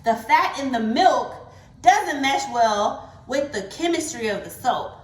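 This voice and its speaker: A woman hosting an educational kids' demonstration, talking in an excited, encouraging way to a young child, with exclamations. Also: high-pitched, unhurried. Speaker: host of a family kids' science show. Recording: echoey room.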